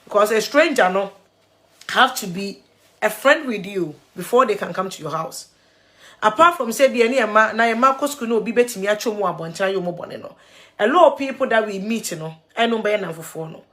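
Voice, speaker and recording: A woman's voice: medium pitch, lively intonation, a bit bright. Tearful Ghanaian woman vlogger. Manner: earnest, mixes English and Twi, halting repeats. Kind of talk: emotional video commentary.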